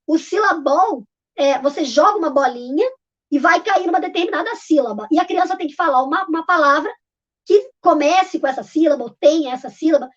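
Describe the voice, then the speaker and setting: A woman's voice: high voice, a little fast. Woman teacher explaining slides, lo-fi sound. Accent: Brazilian Portuguese. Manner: explanatory, informal, many fillers and restarts. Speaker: literacy teacher presenter. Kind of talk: live online talk presenting slides. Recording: dull lo-fi audio.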